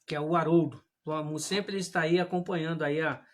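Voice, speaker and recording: High-voiced preacher reading scripture. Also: male voice, steady tone, slight background noise. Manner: addresses listeners as brothers, reads scripture aloud in a measured way. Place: indoor room at home, religious images behind him. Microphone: livestream camera.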